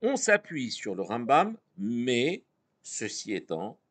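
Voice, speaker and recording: A man's voice: mid-range voice, huge pitch swings, slow pace, a bit bright. A man teaching an interactive Torah class, reading Hebrew passages aloud and explaining them to his students. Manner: explains text, reads Hebrew passages then translates.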